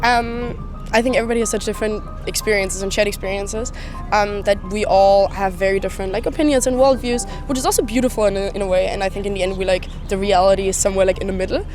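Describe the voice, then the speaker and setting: A woman's voice: medium pitch, quick pace. Easygoing young woman from Austria. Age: 20s. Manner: relaxed and easygoing, many "like" and "you know" fillers. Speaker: interviewee, traveller. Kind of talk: street interview answers. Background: clear music.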